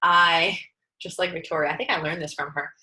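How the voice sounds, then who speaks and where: A woman giving a casual, upbeat training talk, chatty and lively, often breaking into quoted dialogue. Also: fairly quick, rough recording. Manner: lively, upbeat, acts out quoted dialogue with sudden high pitch jumps. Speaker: network marketing trainer.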